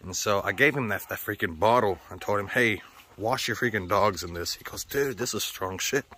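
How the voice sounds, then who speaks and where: This American vlogger speaks at a moderate pace in a fairly low, sharp-toned voice, with a little hiss or hum in the recording. Slightly sore-throated, he keeps things casual, rambling and swearing a lot as he chats.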